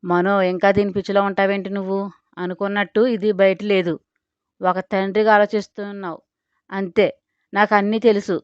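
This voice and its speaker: A woman's voice: mid-range voice, flat delivery, normal speed, clean tone, no room sound, natural voice. A woman voicing a blunt old grandmother who speaks plainly to her son. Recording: dry, dull lo-fi recording.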